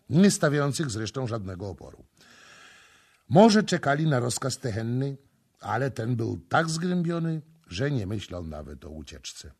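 A man with a husky voice reading a classic novel aloud in an expressive, dramatic style. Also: mid-range voice. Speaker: audiobook narrator. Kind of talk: literary audiobook narration.

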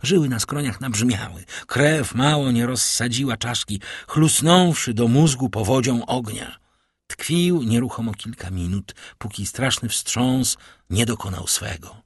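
A man narrating a classic novel in a measured, grave manner. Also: mid-range voice, husky, no echo, studio quality. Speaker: audiobook narrator. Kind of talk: dramatic literary narration.

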